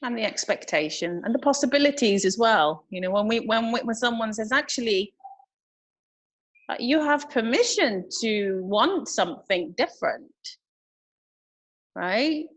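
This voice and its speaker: A woman's voice: fairly high pitch, expressive, measured pace. A woman guest talking over a remote call whose bad connection keeps breaking up, explaining her point in thoughtful restarts. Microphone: remote call line.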